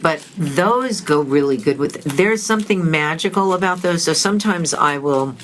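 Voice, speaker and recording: A woman's voice: low voice, normal speed, a little hiss or hum. A woman with a New York accent hosting a podcast, chatting in a rambling way and trailing off mid-thought. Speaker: podcast host. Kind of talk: casual chat.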